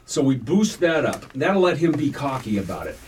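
A man's voice: medium pitch, big pitch swings, normal speed, a little mellow. A man running an acting class, giving encouraging notes and acting out line readings for his students. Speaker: acting coach. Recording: distant mic, faint room hiss.

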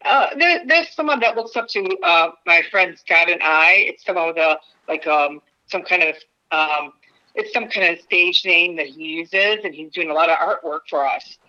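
A woman's voice: lowish voice, normal speed, sharp tone. A woman on speakerphone as a podcast guest, chatting casually and rambling with many fillers and restarts. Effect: on speakerphone, heard through a phone line. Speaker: podcast guest, stand-up comedian. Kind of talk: casual phone interview. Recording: lo-fi phone audio.

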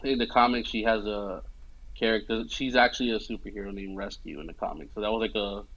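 A man's voice: fairly low pitch, fast, rough recording. A young man casually retelling a film scene by scene, with lots of fillers and check-ins with his listener. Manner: animated storytelling with many fillers and "you know what I mean". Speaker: movie fan recapping a film. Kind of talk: casual chat.

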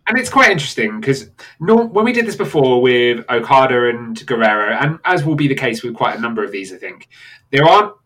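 A man's voice: medium pitch, very animated, fairly quick, a bit bright. A British man in his thirties co-hosting a podcast, chatting casually with plenty of restarts, fillers and laughs. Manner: rambling, self-interrupting, laughs often. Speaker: podcast co-host. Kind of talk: casual chat.

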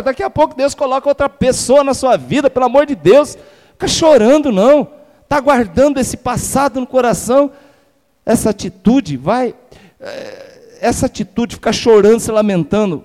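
High-voiced Brazilian pastor preaching in a hall. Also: male voice, darkish tone. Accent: Brazilian Portuguese. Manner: emphatic preaching with rhetorical questions and calls of amen. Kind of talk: sermon. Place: church sanctuary. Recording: reverberant church hall.

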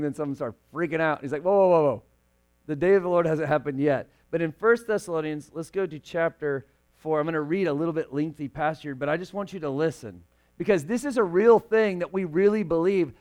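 A man with a fairly high voice preaches to a congregation in a church. He keeps it conversational with joking asides, then slows down and rises in volume when he reads scripture. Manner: casual, joking asides, swells louder and slower when reading scripture. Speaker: pastor. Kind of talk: sermon. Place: church sanctuary.

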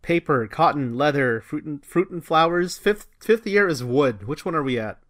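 A man's voice: fairly high pitch, expressive, normal speed, fairly bright tone, dry recording, studio quality. A man co-hosting a casual podcast, chiming in eagerly with small restarts. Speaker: podcast co-host. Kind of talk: casual chat.

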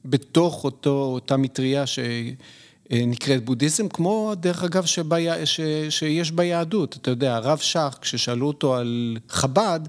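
Measured middle-aged man explaining. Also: fairly high pitch. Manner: measured, lecturing, pauses to search for words. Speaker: podcast guest. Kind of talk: reflective conversational explanation.

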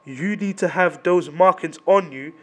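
A man's voice: sits high, unhurried. A man with a London roadman accent debating casually in street slang, emphatic and repeating his phrases for stress.

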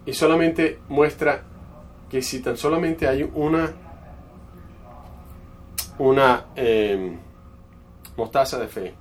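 A man's voice: medium pitch, takes it slowly, long pauses. A man preaching a sermon in a conversational storytelling way, often restarting his phrases. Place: church. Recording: distant mic with faint background noise.

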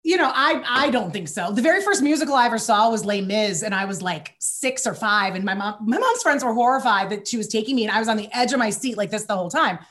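Animated woman with a Michigan accent. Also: a little high, quick pace, hardly any pauses. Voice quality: loud. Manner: candid, wry, self-deprecating. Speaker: interview guest, voice actor. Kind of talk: casual chat.

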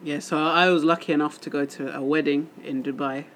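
A man's voice: on the high side, fairly even intonation, brisk, a bit bright. A young man, chatting casually in slang and giving blunt opinions. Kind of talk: casual chat. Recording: faint background noise.

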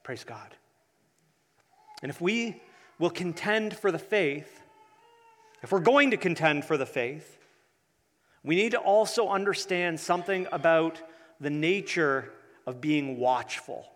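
A male pastor explains his sermon point by point in a somewhat high voice. He phrases deliberately and repeats key words. The sound carries the long reverb of a large hall. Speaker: pastor preaching.

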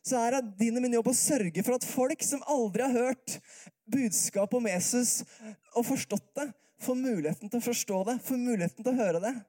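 A man delivers a sermon in an easy, conversational manner rather than a shouting one. His voice is warm and mellow. He keeps turning to his listeners with rhetorical questions. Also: extremely high pitch. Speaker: preacher.

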